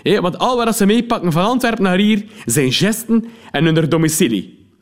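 A man's voice: sits high, lively intonation, moderate pace, voice pushed up. A man doing a jovial Flemish cop. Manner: jovial, chummy. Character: friendly middle-aged male policeman, hearty.

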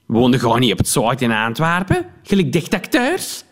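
A man's voice: mid-range voice, wildly swooping pitch, moderate pace, pitched above the performer's own voice. A man voicing a snobbish, sneering middle-aged woman with a Flemish accent. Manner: sneering, snide, nasal.

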